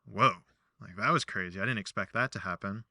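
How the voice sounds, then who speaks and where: A man's voice: on the low side, fairly quick, creaky, sharp tone, dry recording, studio quality, heavily acted. A man voicing a puzzled divine messenger. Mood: astonished. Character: divine messenger sent to earth, curious and easily puzzled, male.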